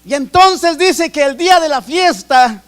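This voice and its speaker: Guatemalan guy preaching a sermon, voice sits really high, earnest, keeps restarting bits. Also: lively intonation, unhurried. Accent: Guatemalan Spanish. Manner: earnest, repeats and restarts phrases while preaching.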